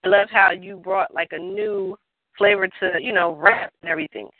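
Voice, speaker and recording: A woman's voice: medium pitch, normal speed, vocal fry. A woman guest in a casual chat, talking in an effusive, rambling way. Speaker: show guest. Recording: dry, tinny phone line.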